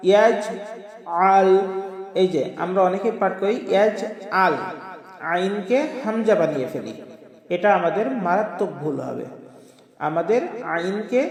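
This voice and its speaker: A man teaching correct Quran recitation, chanting words slowly and drawn out, then briskly explaining each sound with small laughs. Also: high-pitched, darkish tone, roomy sound, big-room sound. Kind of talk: tajweed lesson, explaining and chanting verses.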